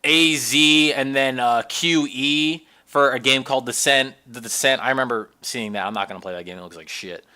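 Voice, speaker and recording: Bright-voiced rambling podcast man. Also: mid-range voice, normal speed, hardly any pauses, clear, resonant tone. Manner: rambling, talks straight to listeners. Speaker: podcast co-host. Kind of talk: casual gaming chat.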